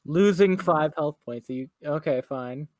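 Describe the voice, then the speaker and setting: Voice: medium pitch, a little slow, a little mellow. Easygoing tabletop game player. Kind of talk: casual chat in a tabletop game.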